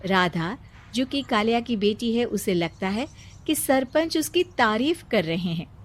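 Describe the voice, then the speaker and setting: A woman reads a children's cartoon story aloud, calm and steady, in a fairly high voice. Her narration is plain and scripted, with a clear storytelling pace. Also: unhurried.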